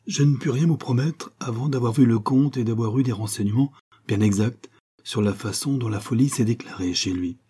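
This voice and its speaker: A man reading the lines of a calm, precise doctor in a storybook, speaking in a measured, explanatory way. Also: medium pitch, husky. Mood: grave, measured. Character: serious middle-aged male doctor, calm and precise.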